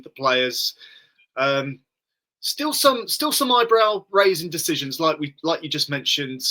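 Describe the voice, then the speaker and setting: A man giving casual football opinions as a podcast panellist, rephrasing himself in a halting way. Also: mid-range voice, pushed and bright, rough recording.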